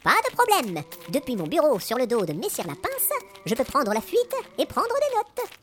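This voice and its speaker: Woman voicing storybook chronicler, chirpy, high, very lively, self-satisfied, faint noise behind. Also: normal speed. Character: fussy woman chronicler, Madame Plume.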